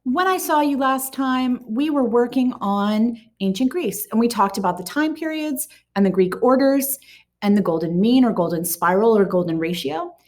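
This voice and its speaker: A woman's voice: fairly high pitch, expressive, normal speed, darkish tone. A woman teacher giving a recorded art history lecture in a casual way, with many ums and restarts. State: has the hiccups.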